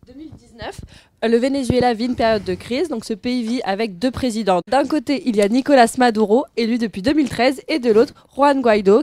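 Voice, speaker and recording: A young woman presenting on student radio, reading an explanatory segment in a steady, informative way. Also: a little high, slight background noise.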